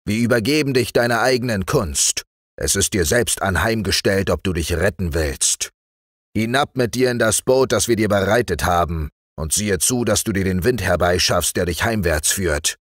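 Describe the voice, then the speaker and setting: A man's voice: low-pitched, moderate pace, fairly bright tone, dry recording. Man playing a cruel ship captain, stern, sneering, dry close recording.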